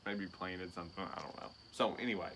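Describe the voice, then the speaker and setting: A man in his thirties co-hosts a relaxed chat, ribbing his partner with jokes. His voice sits on the low side but comes out bright and forceful. A faint hum runs underneath. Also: fairly quick. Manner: teasing, joking banter. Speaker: teacher and podcast co-host. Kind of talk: casual chat.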